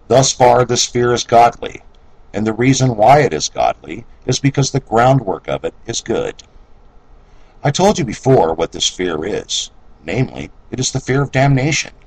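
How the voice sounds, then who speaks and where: A man reading an old devotional treatise aloud in a measured, solemn way, letting his voice sink low and soft on each scripture reference. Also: no room sound, rough recording. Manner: occasional self-corrections while reading.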